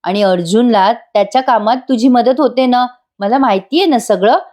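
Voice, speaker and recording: A woman's voice: fairly high pitch, moderate pace, darkish tone, close to an everyday voice. A woman voicing a kind, reassuring middle-aged mother-in-law, read as part of a voice-over review. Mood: affectionate. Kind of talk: voice-over review re-enacting serial dialogue.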